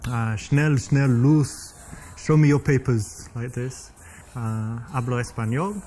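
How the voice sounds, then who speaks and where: A British-accented actor in his thirties, who is also a dating coach, plays a boastful, tactless young man rambling on a date in an interactive game scene. His mid-range voice is slow and mellow, lightly acted, with faint music behind.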